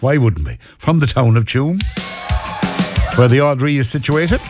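A man's voice: medium pitch, animated, moderate pace, over music. An Irish man presenting on radio, reading weather and programme links with a somewhat hesitant delivery. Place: radio studio.

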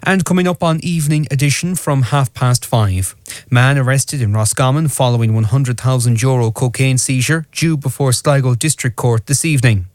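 A man's voice: medium pitch, normal speed, darkish tone, no echo, studio quality. A man with an Irish accent reading scripted headlines and weather as a radio presenter.

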